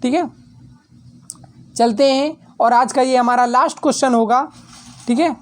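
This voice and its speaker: A woman with a slightly high voice reads exam answers aloud like a teacher dictating notes. She goes through each point steadily and sometimes stops to fix a word she has just said. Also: unhurried.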